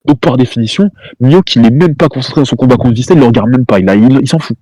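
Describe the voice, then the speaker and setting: Streaming from home, a man argues heatedly with a caller, repeating himself, talking over them, and hurling insults. His voice is medium-pitched, warm, and slightly breathy, quick-paced, with no echo.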